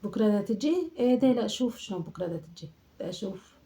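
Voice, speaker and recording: A woman's voice: medium pitch, lively intonation, warm tone, natural voice. A woman playing a fussy older Aleppo mother. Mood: fussing. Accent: Aleppo Syrian Arabic. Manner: fast, fussy, scolding, with muttered prayers. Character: chatty older Aleppo mother, nagging and self-pitying. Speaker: sketch performer. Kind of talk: comic monologue sketch.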